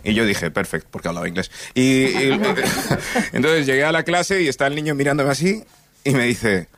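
A man's voice: mid-range voice, animated, moderate pace, fairly bright tone, no echo. Nigerian man doing stand-up. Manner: laid-back storytelling, laughs at own jokes. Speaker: stand-up comedian. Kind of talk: stand-up comedy set. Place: comedy stage with live audience.

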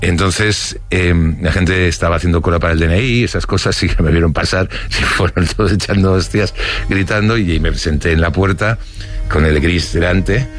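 This middle-aged man from Barcelona has a deep, low voice. He recounts his past in an interview, pausing often on fillers and restarting his sentences. Faint music plays under him. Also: fairly even intonation. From Barcelona, Spain. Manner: hesitant, many fillers and restarts, chuckles while telling. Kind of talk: recounting life stories.

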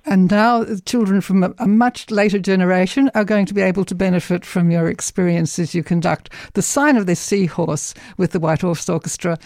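Gravelly-voiced woman radio interviewer. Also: lowish voice, fairly even intonation, a little fast, few pauses, darkish tone, no echo, clean studio sound.

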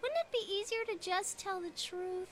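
An actress playing a supportive but exasperated young best friend, animated and emphatic, in a family radio drama. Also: female voice, very high-pitched, moderate pace.

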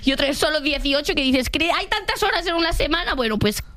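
Woman co-host, high voice, dry self-mocking jokes on radio. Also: lively intonation, quick pace, sharp tone. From Barcelona area. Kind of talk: comedic radio chat.

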